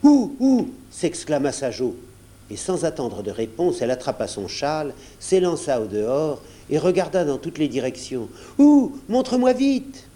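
A man narrating a children's storybook aloud in an expressive, varied storytelling manner. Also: mid-range voice, moderate pace. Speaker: audiobook narrator. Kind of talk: storybook read aloud from cassette.

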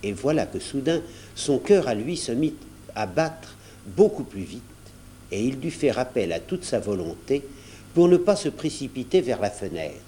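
A man narrating a children's storybook aloud in an expressive, varied storytelling manner. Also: medium pitch, moderate pace, a little hiss or hum. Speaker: audiobook narrator. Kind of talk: storybook read aloud from cassette.

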